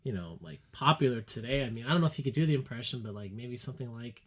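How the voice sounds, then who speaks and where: A man's voice: medium pitch, lively intonation, fast, breathy edge. A man co-hosting a film podcast, chatting animatedly with lots of fillers. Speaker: podcast co-host. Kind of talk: casual film discussion.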